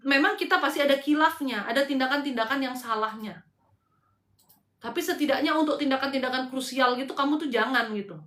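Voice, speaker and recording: A woman with a high, bright voice hosts a live spiritual advice session and preaches to her listeners. She speaks to them directly and keeps her speech casual and slangy. The room is echoey. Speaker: host and spiritual counselor.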